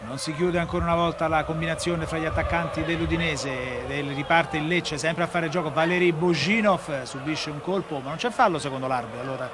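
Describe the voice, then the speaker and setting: A man's voice: fairly high pitch, brisk, few pauses. A man with an Italian accent giving live play-by-play football commentary. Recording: constant stadium noise behind voice. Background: stadium ambience.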